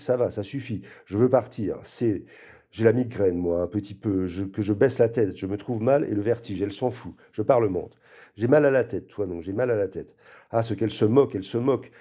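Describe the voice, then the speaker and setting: A man giving an expressive literary reading aloud and acting out the quoted lines. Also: fairly low pitch, breathy edge. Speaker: reader.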